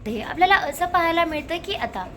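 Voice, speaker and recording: A woman recaps an episode of a TV serial, telling the story with energy and quoting the characters' lines one after another. Her voice is very high-pitched and fairly quick, with slight background noise.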